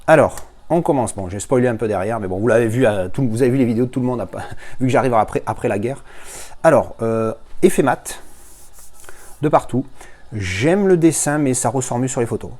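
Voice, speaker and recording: A man's voice: mid-range voice, a little mellow. A man giving casual unboxing commentary, chatty and hesitant, with many fillers and restarts. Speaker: video host unboxing a film edition.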